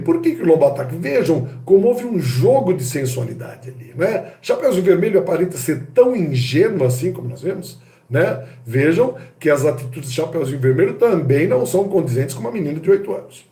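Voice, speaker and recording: A male teacher with a Brazilian Portuguese accent lectures in a lively, theatrical manner and keeps asking his listeners rhetorical questions. His voice sits somewhat high yet sounds mellow and warm. The room around him rings with echo. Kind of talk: classroom-style lecture.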